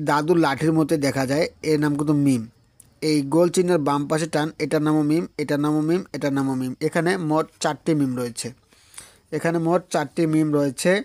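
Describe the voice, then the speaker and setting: A man's voice: a little high, a little mellow, no room sound. Man drilling letter sounds, dry close voice. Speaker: Quran teacher. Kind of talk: beginner Quran reading lesson.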